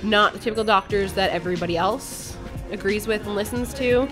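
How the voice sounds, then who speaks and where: A woman's voice: mid-range voice, fairly quick, over music. A woman guest on a podcast, telling a personal story in a candid, blunt way and swearing casually. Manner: candid, blunt, speaks her mind.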